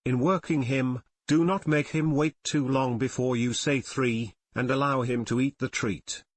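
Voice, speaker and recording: A man reading scripted step-by-step instructions in a steady, instructional narration. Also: medium pitch, a little slow, no room sound. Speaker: narrator of dog training videos.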